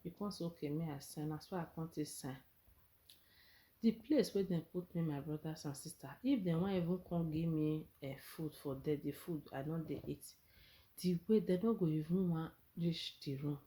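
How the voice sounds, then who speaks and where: A woman's voice: deep voice, moderate pace, mellow. A woman with a Nigerian accent chatting in Nigerian Pidgin as a vlogger, earnest and encouraging, often checking that listeners understand. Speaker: vlogger sharing her experience. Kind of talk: casual personal vlog in Nigerian Pidgin.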